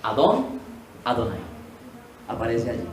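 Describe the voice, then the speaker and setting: A man's voice: medium pitch, big pitch swings, unhurried. A male pastor teaching a sermon, asking the congregation questions and answering them himself, repeating key words for emphasis. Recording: echoey room, voice from a distance, faint ambience.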